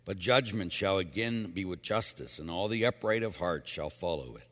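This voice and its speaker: A man's voice: deep voice, lively intonation, normal speed, fairly bright tone, in a large hall. A man speaking as a priest, reading scripture and then giving a plain-spoken, emphatic homily with casual asides.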